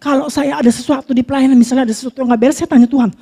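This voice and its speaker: A woman's voice: high-pitched, fairly even intonation, racing, warm tone, slightly rough. A woman pastor giving a conversational sermon, reading scripture and telling everyday stories while often addressing her listeners directly. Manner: casual preaching, keeps addressing listeners as brothers and sisters.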